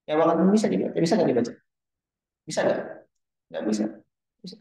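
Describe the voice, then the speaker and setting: A man leading a casual religious study gathering, often quizzing his listeners and joking, with sudden high bursts in his voice. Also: expressive, gravelly, warm tone. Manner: keeps quizzing the audience with quick questions. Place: Islamic boarding school gathering hall. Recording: roomy, slightly dull sound.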